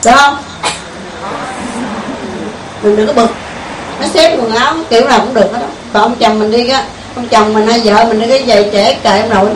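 A woman's voice: fairly high pitch, steady tone, fairly quick, pauses often. A woman with a Southern Vietnamese accent giving an informal Buddhist meditation talk to a group, conversational and often asking her listeners questions. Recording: echoey room, mic far off, faint hiss.

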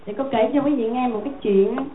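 A woman's voice: fairly high pitch, fast talker, slight background noise. A woman, a Buddhist nun giving a dharma talk in a folksy, repetitive, conversational way. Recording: echoey tinny phone-like sound.

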